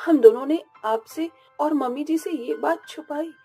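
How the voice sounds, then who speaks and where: A woman voicing a meek young bride in an animated story, soft and pleading. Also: high voice, unhurried, faint music behind.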